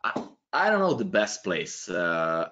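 A man with a Serbian accent answers viewer questions in a live webcam tutorial, speaking English as a second language and thinking aloud. His voice sits a little low. The stream audio is dull and lo-fi, from a small home room. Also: very animated, slow pace, sharp tone, a little hiss or hum. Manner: loose, thinking aloud, non-native phrasing. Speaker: webinar presenter answering questions. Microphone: webcam video call.

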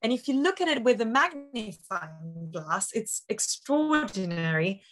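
A woman in her thirties, an auction house specialist, explains art in a video call interview from her home study, recorded on a webcam. She speaks enthusiastically with many fillers, her mid-range, slightly bright voice swinging widely in pitch at a measured pace.

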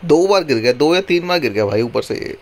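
Hoarse male gamer talking to his character on screen, exasperated and pleading, noisy home mic with clicking behind him. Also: on the high side, expressive, brisk, a little mellow. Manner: talks to his game character, exasperated and pleading, often counting one two three. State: hoarse throat. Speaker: gameplay streamer. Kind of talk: casual gameplay commentary. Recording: noisy recording with mouse clicks.

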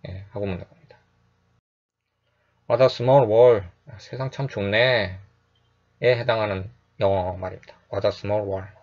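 A man teaching English phrases in a calm, explanatory lecture, repeating each phrase slowly and often adding a short "yes". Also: fairly low pitch, muffled recording.

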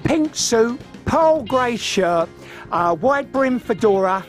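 A man's voice: very high voice, expressive, takes it slowly, soft background music. A man in his fifties with a London accent, chatting casually and telling anecdotes as a radio guest in a studio. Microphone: studio microphone, headphones on.

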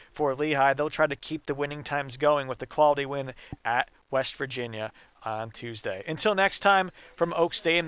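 Crisp bright-voiced male highlights commentator. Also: dry recording. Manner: brisk play-by-play recap. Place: stadium broadcast booth.

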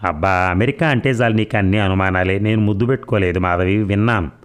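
A man's voice: on the low side, fast, smooth, lightly acted. A man voicing a playful young husband in a novel reading, bantering and mock pleading. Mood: mock angry. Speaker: doctor.

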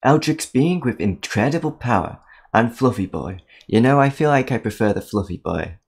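A man's voice: mid-range voice, animated, normal speed, gravelly, slightly rough. A young man casually reacting to memes, rambling with lots of ums and restarts and laughing often. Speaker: meme reaction narrator. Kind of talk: casual meme commentary.

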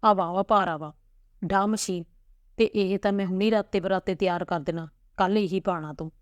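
A woman's voice: mid-range voice, fairly even intonation, fairly quick, no room sound, lightly acted. A woman voicing a caring village mother who fusses over her daughter and gives practical instructions, in a storybook reading. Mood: busy instructing.

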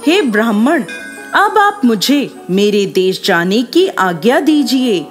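A woman narrator gives voice to a graceful celestial nymph from a devotional tale. She pleads politely, fairly high and lively in pitch, at an unhurried pace. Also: faint music behind.

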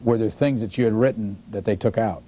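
A male TV host asking measured questions of a guest in a studio interview. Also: on the low side, dark tone, a little hiss or hum.

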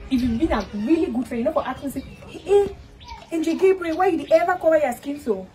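A nosy female angel with a Nigerian Pidgin accent, put on by a man. The voice is high and squeaky and moves along quickly, coy and prying. Faint music plays underneath. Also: animated, darkish tone. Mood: teasing. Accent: Nigerian Pidgin English. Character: Angel Gabriela, a fussy female angel. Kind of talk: comedy skit.

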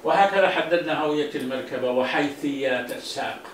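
A male teacher with a fairly high voice repeats each English phrase slowly and carefully. He then switches to quicker explanations full of hesitant fillers. The recording sounds roomy, and he is heard from some distance over a faint background hum. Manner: hesitant, with drawn-out fillers and restarts. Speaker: language teacher. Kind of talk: bilingual grammar lesson.

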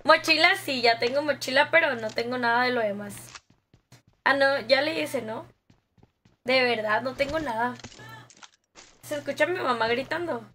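A woman's voice: high-pitched, moderate pace, pauses often, sharp tone, a little hiss or hum. A young woman with a Mexican accent, chatting casually with viewers on a gaming stream, slangy and laughing often. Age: young adult. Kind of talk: casual live-stream chat reading viewer comments.

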